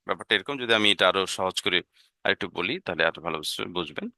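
Man, Bengali accent, English lesson, very bright voice, dry close sound. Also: sits low, quick pace, no echo. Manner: explains step by step, often asks the listener to look. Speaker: English teacher.

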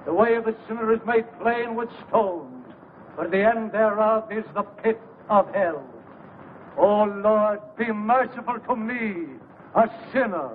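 An actor playing a penitent man slowly intoning a prayer for mercy, in 1940s film noir style. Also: high voice. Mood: solemn. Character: man praying aloud, solemn and penitent. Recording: tinny noisy 1940s film soundtrack.

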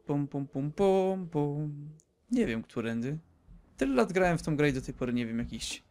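A man's voice: a little high, animated, normal speed, darkish tone. A man giving casual, joking commentary while playing a video game, rambling, exclaiming and talking to viewers and game characters. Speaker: let's play gamer.

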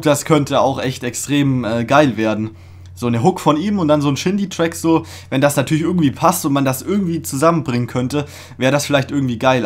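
A young man hosting a casual music reaction, talking in an excited, slangy way with many fillers and restarts, recorded in a small room. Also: mid-range voice. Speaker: reaction video host. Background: faint music playing.

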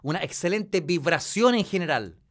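A man's voice: sits high, expressive, normal speed, fairly bright tone. A man, working as a vocal coach, giving an enthusiastic song reaction commentary and singing short snippets to show technique. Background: music from the analyzed song.

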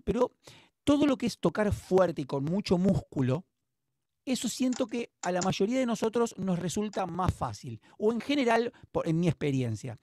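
A drum teacher with a high, warm voice gives an online class over a video call, with no echo. He speaks with a Rioplatense Spanish accent, explaining things patiently and with encouragement.

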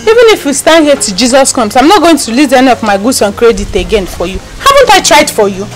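A woman's voice: sits high, big pitch swings, quick pace, background noise. A woman playing an impatient market shopkeeper who talks in a brusque, dismissive way.

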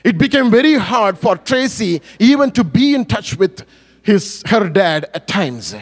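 A man's voice: very animated, measured pace. A male pastor telling a story in a sermon, emotive and swinging up and down in volume, often correcting himself as he goes. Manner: emotive, rising and falling in pitch and volume; self-correcting with small restarts.

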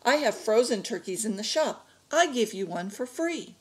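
A woman's voice: a little high, expressive, moderate pace, pitched above the performer's own voice, lightly acted, rough recording. A woman voicing a kindly, easygoing male shopkeeper in a read-aloud storybook. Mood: generous. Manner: easygoing, generous.

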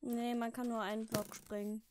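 A woman's voice: fairly high pitch, flat delivery, normal speed, darkish tone, slight background noise. A woman hosting a let's play, chatting casually over a headset and giggling at her own mistakes. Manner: giggly, self-deprecating. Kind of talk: casual gaming chat.

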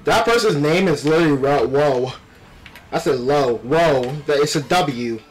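A man giving animated, playful gameplay commentary with exclamations and trash talk, speaking with a retainer in his mouth. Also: on the high side, a little slow, soft background music, rough recording. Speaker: gaming video host. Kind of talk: excited live gameplay commentary.

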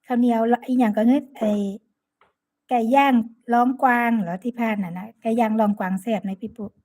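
A woman from Sakon Nakhon in Northeast Thailand chats casually on a live stream in an Isan accent, greeting and thanking viewers by name. Her fairly high voice is a little fast and a little mellow. She uses a phone microphone.

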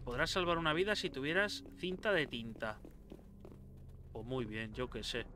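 A man from Spain talking through a zombie game, excitable and cursing freely as he jokes about what he finds. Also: mid-range voice, moderate pace, a little hiss or hum. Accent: Spain Spanish. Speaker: gameplay commentator. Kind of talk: casual let's-play commentary.

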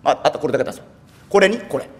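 A man voicing a brash, rough-spoken townsman who haggles pushily and gets excited. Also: a little high, fast, pitched below the performer's own voice, close to an everyday voice. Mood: coaxing. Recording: reverberant live hall.

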